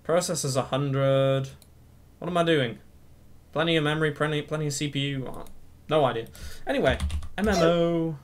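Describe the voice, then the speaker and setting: A man's voice: fairly high pitch, normal speed, pauses often. A man hosting a coding tutorial, hyper from energy drinks and rambling along, mocking himself as he goes. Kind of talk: rambling screen-recorded tutorial chat.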